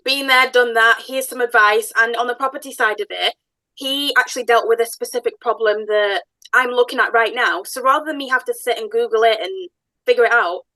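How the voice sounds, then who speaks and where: Bright, chatty woman hosting a podcast. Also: on the high side, fairly quick, no room sound, low-quality recording. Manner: chatty, enthusiastic, animated storytelling. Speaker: podcast host, business owner. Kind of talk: casual podcast conversation.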